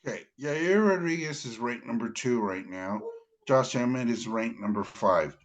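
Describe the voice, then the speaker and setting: A man's voice: mid-range voice, moderate pace. A man co-hosting a casual fight podcast, heated and emphatic, often stammering as he restarts his sentences. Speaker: podcast co-host. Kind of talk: casual MMA podcast chat.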